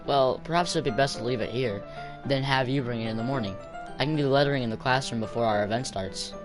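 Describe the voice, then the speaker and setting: Man voicing a shy, soft-spoken schoolgirl. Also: mid-range voice, fast talker, close to an everyday voice. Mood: gentle. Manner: quiet, hesitant, apologetic. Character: shy soft-spoken teenage girl, polite. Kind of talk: reading visual novel dialogue aloud. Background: background game music.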